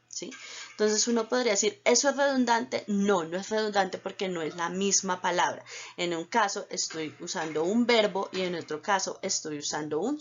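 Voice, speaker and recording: A woman teacher walks her students through a recorded tutorial, explaining each point step by step. She keeps checking in to make sure they are following. Her voice sits at a mid pitch, and the recording sounds dull and lo-fi. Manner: explanatory, checks in often with "¿listo?".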